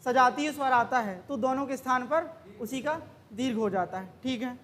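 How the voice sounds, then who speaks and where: High-voiced woman teaching grammar. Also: normal speed, fairly bright tone, slight background noise. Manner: quizzing, asks then answers her own questions. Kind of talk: exam-prep grammar lesson.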